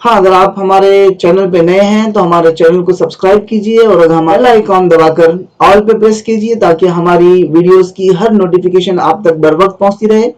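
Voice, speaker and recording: A man's voice: high voice, steady tone, normal speed, few pauses, a little mellow, low-quality recording. A man teaching a literature exam-prep lesson, explaining at length and repeating key points.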